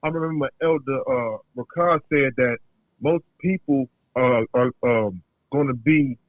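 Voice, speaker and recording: A man's voice: medium pitch, no room sound. Man calling in on a tinny phone line. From North Carolina. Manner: halting, rambling, many pauses. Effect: heard over a phone line. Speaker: caller. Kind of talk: casual call-in chat.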